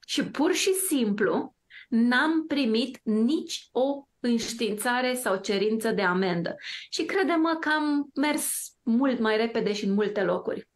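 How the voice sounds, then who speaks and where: Talk show guest: woman from Romania, brightish pitch, emphatic and sure of herself. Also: expressive. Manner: emphatic, self-assured storytelling. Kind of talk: casual talk-show discussion.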